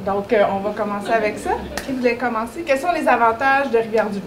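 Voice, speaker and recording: A woman's voice: a little high, fast talker. A woman educational consultant, presenting students at a public event and speaking with many hesitations and fillers. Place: event hall at a public launch. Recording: roomy hall with loud background noise.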